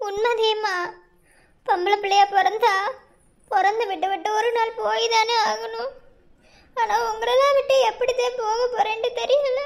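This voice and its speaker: A woman voicing a gentle young bride-to-be with a Madurai Tamil accent in a cartoon, soft and halting. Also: sits high, fairly even intonation. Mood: tearful. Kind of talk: cartoon voice acting.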